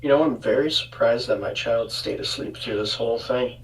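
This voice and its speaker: Gravelly-voiced man giving live weather updates. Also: medium pitch, moderate pace. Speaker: severe weather livestream co-host. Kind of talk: casual unscripted live weather commentary. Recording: distant mic.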